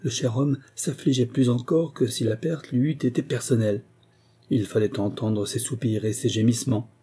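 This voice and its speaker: A man reading a first-person memoir aloud, in measured, even storytelling. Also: medium pitch, husky. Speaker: audiobook narrator. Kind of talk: scripted narration.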